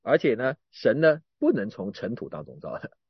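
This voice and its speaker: A man preaching a sermon, animated, often repeating and restarting words and swinging from emphatic to quiet. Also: mid-range voice, moderate pace, husky, no room sound, muffled recording.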